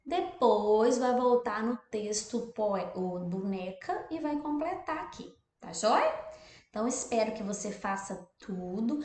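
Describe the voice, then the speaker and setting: A Brazilian woman, a primary school teacher, explaining a textbook exercise to children, drawing out syllables and often checking "tá bom?". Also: medium pitch. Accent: Brazilian Portuguese. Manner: lively, drawn-out stressed syllables, frequent "tá bom?" checks. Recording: echoey room.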